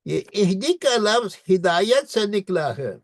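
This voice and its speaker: A man gives a lecture on reciting scripture, pausing to chant verses in long, slowly stretched syllables. His voice sits high and carries a gravelly edge. The sound is dry and close. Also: very animated, no room sound. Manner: slowly drawn-out recitation of verses between explanations. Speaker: teacher. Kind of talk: Quran recitation lesson.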